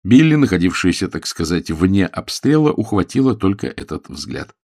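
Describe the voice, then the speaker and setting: A male audiobook narrator reads with expressive, animated storytelling. His voice sits low but moves over a wide pitch range. The recording is dry and close. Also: normal speed, vocal fry, no echo. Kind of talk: scripted narration.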